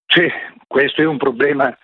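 A man's voice: medium pitch, steady tone, moderate pace, breathy edge, no room sound. A man in his sixties calling in over the phone, a retired worker making his point bluntly and insistently. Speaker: caller, retired postal worker. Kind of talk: call-in to a radio talk show. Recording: tinny phone line.

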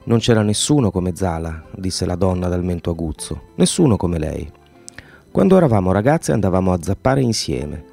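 A man reading a novel aloud, voicing the villagers' dialogue expressively and pausing to explain a word. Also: creaky, faint music behind. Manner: expressive, voices the villagers' lines with raised pitch. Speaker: audiobook reader.

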